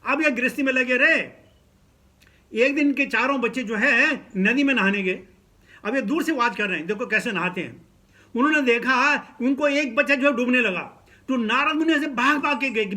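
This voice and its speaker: A man preaching scripture in an animated storytelling sermon, often chuckling and mixing in English words. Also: extremely high pitch.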